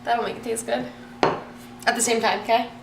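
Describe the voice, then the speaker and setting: A woman's voice: fairly high pitch, level tone, brisk, creaky, noisy background. A young woman vlogger chatting casually in her kitchen as she bakes and taste-tests. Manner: chatty and rambling, with many fillers and giggles. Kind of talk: casual cooking vlog chat. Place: home kitchen.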